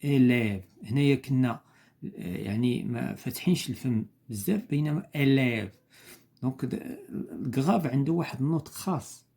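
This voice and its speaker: A man leads a primary French lesson. He reads each word carefully, repeats it, then explains in quick asides. His voice is mellow and dark, pitched in a middle range. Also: vocal fry. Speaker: teacher.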